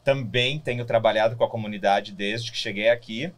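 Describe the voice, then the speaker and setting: A man in his thirties from Brazil, a city hall staffer answering interview questions in a measured, explanatory way in a podcast studio. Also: lowish voice, fairly bright tone. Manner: measured, explanatory, frequent "né" tags. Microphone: boom-arm studio mic.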